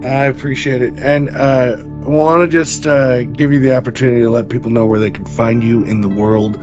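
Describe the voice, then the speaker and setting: A man hosts a casual podcast interview in a relaxed way and chimes in with short remarks. His audio sounds dull and lo-fi. Clear music plays behind him. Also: mid-range voice, fairly quick. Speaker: podcast host.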